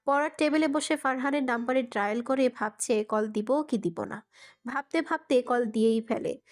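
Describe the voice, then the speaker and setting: A woman's voice: a little high, moderate pace. Woman narrating a romance story.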